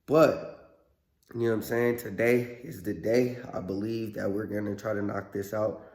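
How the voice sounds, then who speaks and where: In a workshop, a man hosts a laid-back car repair vlog, speaking in slang with a hoarse voice that sounds under the weather. His pitch is fairly low, his tone steady and a little mellow, at a normal speed.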